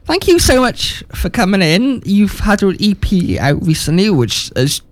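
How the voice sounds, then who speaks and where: A man's voice: high voice, big pitch swings, measured pace, no room sound. A man presenting a radio show, asking a guest friendly leading questions in the studio. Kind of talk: radio interview hosting.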